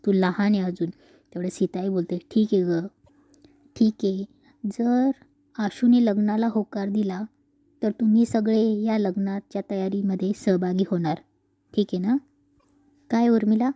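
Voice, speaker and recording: A woman casually retelling a TV serial episode, switching quickly between narration and the characters' lines. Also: mid-range voice, warm tone, dry recording.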